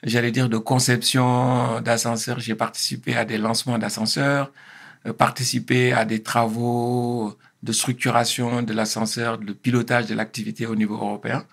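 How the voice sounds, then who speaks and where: A man, speaking as an interview guest in a measured, hesitant way with many pauses and restarts. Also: medium pitch, level tone, a bit bright. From Senegal. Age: 50s. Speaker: interview guest, engineer and consultant. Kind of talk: casual interview.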